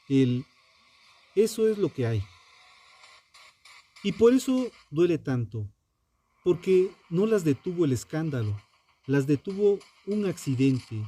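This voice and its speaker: Narrating true crime from a script, this man sounds mellow and relaxed, his pitch slightly high for a male voice and expressively varied. He delivers it slowly and solemnly in brief, dramatic phrases, with emphatic pauses.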